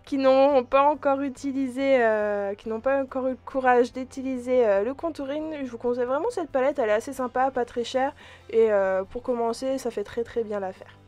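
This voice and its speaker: A woman with a fairly high voice talks through her makeup routine in a relaxed, friendly vlog tone. She hesitates often and chats directly to her viewers as if they were friends. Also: moderate pace. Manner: chatty, relaxed, frequent hesitations. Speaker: beauty vlogger. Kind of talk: casual makeup tutorial narration.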